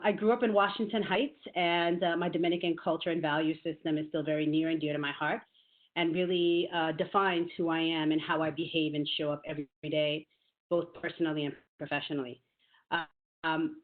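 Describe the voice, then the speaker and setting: A middle-aged marketing executive from New York City discusses her career in a virtual interview, speaking in a low voice, measured and thoughtful, with frequent ums. The audio comes through a video call and sounds phone-like.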